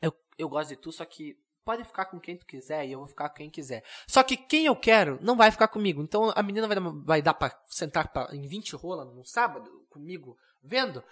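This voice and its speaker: A young man hosting a comedic solo podcast, rambling and mocking himself in a deadpan way. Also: a little high, fairly quick, hardly any pauses. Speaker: podcast host.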